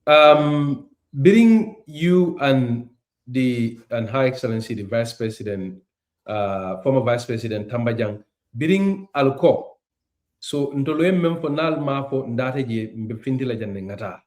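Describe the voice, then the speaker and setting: Pressing male interviewer, mid pitch. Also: lively intonation, unhurried, a little mellow. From Gambia. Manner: pressing, repeats his questions. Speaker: interview host. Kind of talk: probing interview questions.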